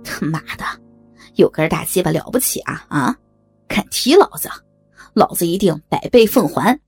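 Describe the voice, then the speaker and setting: A woman's voice: fairly low pitch, animated, moderate pace, vocal fry, darkish tone, breathy edge, dry recording, faint music behind, exaggerated voice. A woman voicing a cruel, vengeful young male thug who taunts with snickering laughs. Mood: angry. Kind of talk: audio drama acting.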